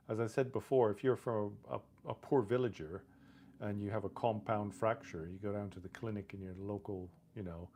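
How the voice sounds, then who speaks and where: A man's voice: on the low side, a little mellow. Rambling man in a casual livestream. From lives in Canada. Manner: rambling, conversational, with many fillers like "you know" and "right"; laughs now and then while talking. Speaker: livestream host.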